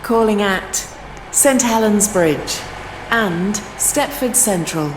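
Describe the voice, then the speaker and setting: This woman's announcements for the train station are scripted and formal, delivered in separate phrases that sound pre-recorded. She speaks at medium pitch, animated yet unhurried, through an echoey PA with long reverb and background noise.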